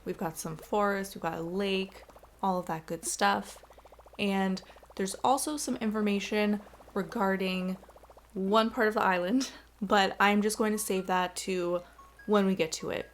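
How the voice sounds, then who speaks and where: A woman's voice: medium pitch, steady tone, moderate pace. Bubbly Canadian woman vlogger. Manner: bubbly, chatty, self-deprecating. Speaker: game video host. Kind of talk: casual chat over gameplay.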